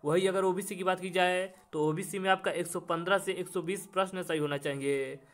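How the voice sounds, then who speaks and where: This coaching-channel host speaks in a high, fairly bright voice with a steady tone and a slightly fast pace. In an explanatory exam update presentation, he explains the exam information step by step and addresses students directly, in a repetitive way.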